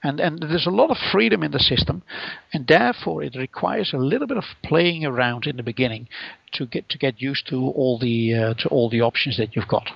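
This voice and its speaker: A man with a Dutch accent, a guest on a podcast interview, explaining software haltingly and often repeating words. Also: medium pitch, expressive, gravelly, slightly rough, no room sound. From Netherlands. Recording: dull lo-fi sound.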